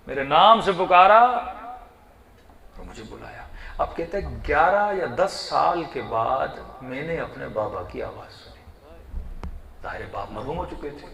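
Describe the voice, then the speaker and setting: A man preaching an emotional sermon, telling a story dramatically with sudden loud surges. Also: on the high side, creaky. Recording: echoey hall.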